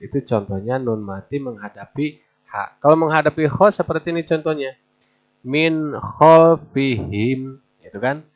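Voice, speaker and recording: A male teacher walks beginners through Quran recitation rules, repeating every example with drawn-out, careful pronunciation. He speaks at a slow, unhurried pace. The recording sounds muffled and lo-fi. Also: medium pitch. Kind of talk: tajwid lesson for beginners. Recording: dull lo-fi recording.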